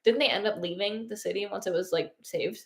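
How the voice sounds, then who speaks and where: A woman's voice: mid-range voice, brisk, creaky. A sleepy woman hosting a casual book club chat, talking loosely and trailing off. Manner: chatty, yawning, trailing off.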